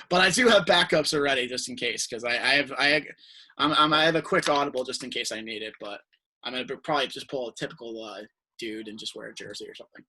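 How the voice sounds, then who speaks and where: A man's voice: mid-range voice, quick pace, bright, forceful tone, low-quality recording. A young man hosting a podcast, talking in a casual, rambling way with lots of fillers and restarts. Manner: rambling, filler-heavy, laughs often. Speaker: podcast host. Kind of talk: casual chat.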